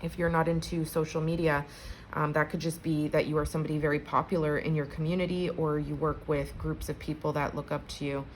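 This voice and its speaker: A woman with a notably low voice gives a relaxed collective tarot reading. She talks in a chatty, conversational way and speaks straight to her viewers. Faint noise sits behind her voice. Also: fairly quick, rough recording. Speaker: tarot reader.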